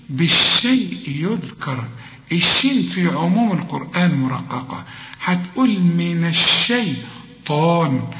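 An Egyptian man gives a recitation lesson in a somewhat high voice. He draws each word out slowly, then explains and corrects it. The room is echoey with a long reverb tail, and the recording sounds dull and lo-fi. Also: fairly bright tone. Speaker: Quran recitation teacher. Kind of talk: tajweed lesson.

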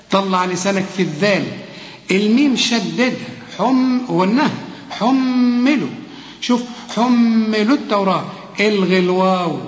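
High-voiced Egyptian man coaching recitation. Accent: Egyptian Arabic. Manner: coaching, demonstrates words slowly and repeats them. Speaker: Quran recitation teacher. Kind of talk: tajweed lesson, one-on-one drilling. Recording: echoey hall, dull lo-fi sound.

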